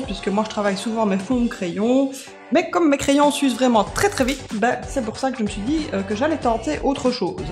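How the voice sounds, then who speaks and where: A woman's voice: fairly high pitch, darkish tone. A woman hosting a coloring craft video, chatting casually with many fillers and joking at herself. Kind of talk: casual coloring tutorial chat.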